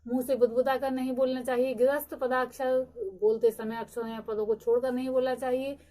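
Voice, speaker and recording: Higher-voiced young woman teacher lecturing with steady explanations and frequent fillers. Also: brisk. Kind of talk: recorded lecture.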